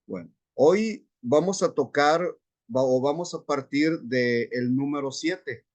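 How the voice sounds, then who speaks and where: A man teaching a Bible class, explaining scripture and Greek words step by step in an unhurried lecturing manner. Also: medium pitch. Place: church classroom.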